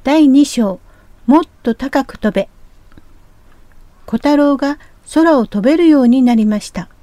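高く柔らかな声の女性共同ホスト. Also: female voice, high voice, measured pace, mellow, no room sound. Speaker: radio co-host.

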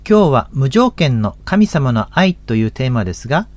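A man's voice: medium pitch, big pitch swings, moderate pace, a little mellow, soft background music. A man in his fifties with a Tohoku accent, a pastor hosting a religious radio talk in a folksy, chatty way. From Akita, Japan. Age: 50s.

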